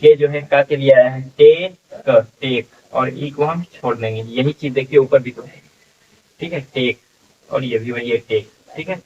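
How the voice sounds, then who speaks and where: A man's voice: mid-range voice, recorded from a distance, lo-fi sound. Man patiently sounding out English words. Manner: slow, drawn-out sounding out of words, repeating each one; frequent checking fillers. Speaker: English reading teacher. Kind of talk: phonics lesson for beginners.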